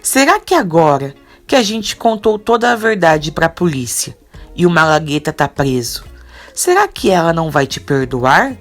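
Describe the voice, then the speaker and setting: A woman's voice: low-pitched, very animated, moderate pace, faint music behind. Teasing friendly coworker, read by a woman. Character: friendly man, teasing advice-giving coworker.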